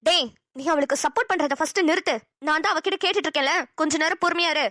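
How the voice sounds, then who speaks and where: A woman's voice: high-pitched, rapid-fire, pushed and bright, no room sound, clean studio sound. A woman voicing an anxious, bossy elder sister in a cartoon, frantic and scolding. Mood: accusing. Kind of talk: cartoon voice acting.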